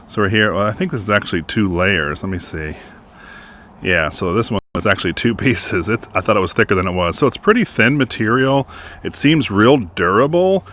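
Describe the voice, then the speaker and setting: Male product reviewer, low voice, chatty and upbeat, casual beach review. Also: a bit bright. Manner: chatty, upbeat, thinking aloud. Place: beach, outdoors.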